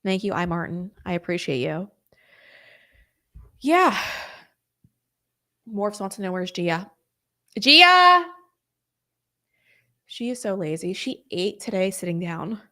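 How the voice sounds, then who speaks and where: A young woman hosting a live stream, chatting casually and rambling through viewer comments with quick apologetic asides. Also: on the low side. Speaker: host of a political live stream.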